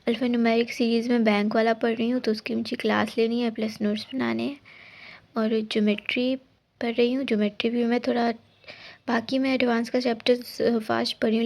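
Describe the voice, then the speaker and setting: A woman's voice: fairly high pitch, a little mellow. A young woman in a casual study vlog, explaining her exam study plan in a rambling way with many restarts and advising her viewers directly. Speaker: exam aspirant vlogger.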